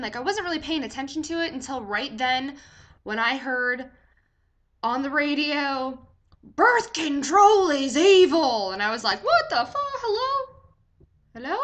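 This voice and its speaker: A young woman telling a story in a chatty, animated vlog, full of "like" fillers. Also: high-pitched. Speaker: vlogger.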